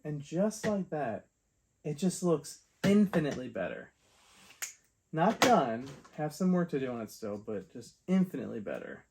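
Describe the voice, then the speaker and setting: A man's voice: a little high, sing-song, moderate pace, gravelly, darkish tone. A man reviewing toy figures in a casual unboxing chat, wry and exasperated.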